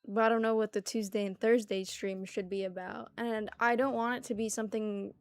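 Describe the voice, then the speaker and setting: A woman's voice: mid-range voice, flat delivery, fairly quick, no room sound, studio quality. A young adult woman streaming casually, chatting playfully with lots of fillers and reading an article aloud to her viewers.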